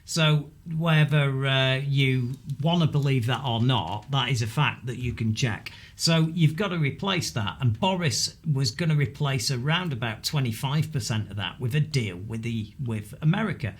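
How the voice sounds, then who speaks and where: A man's voice: mid-range voice, moderate pace, few pauses, breathy edge. A man with a Mancunian accent co-hosting a political podcast, blunt and argumentative as he rants about the news. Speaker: podcast co-host. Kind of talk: political opinion chat.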